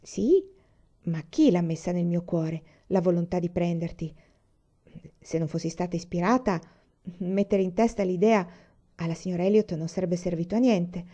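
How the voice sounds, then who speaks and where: A woman voicing an earnest, gentle young girl who pleads sincerely, read as an audiobook. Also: lowish voice, moderate pace, muffled recording, lightly acted.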